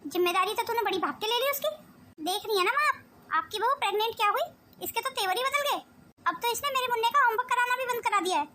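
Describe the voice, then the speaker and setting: A woman playing a loud, scolding elder sister-in-law with a domineering temper in a family melodrama. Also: very high voice, lively intonation, quick pace, slight background noise, exaggerated voice.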